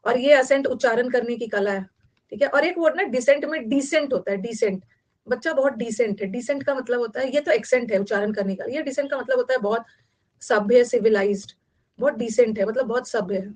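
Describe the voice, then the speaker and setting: Speaking a little fast in a voice on the high side, an Indian-accented woman runs an online English vocabulary lesson. Each word gets explained in blended Hindi and English, with the terms repeated over and over.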